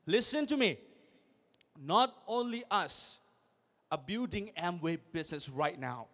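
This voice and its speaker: High-voiced young man rallying a crowd. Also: unhurried. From Thailand. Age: young adult. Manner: energetic, keeps firing questions at the crowd. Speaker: convention speaker. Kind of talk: motivational stage speech. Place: large convention hall.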